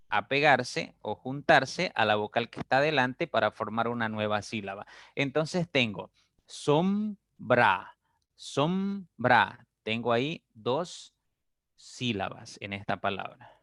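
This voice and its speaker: A man's voice: medium pitch, animated, a little slow, fairly bright tone, dry recording, studio quality. A male teacher giving a recorded lesson on dividing words into syllables, explaining patiently and drawing out example words syllable by syllable, with frequent check-ins to his students.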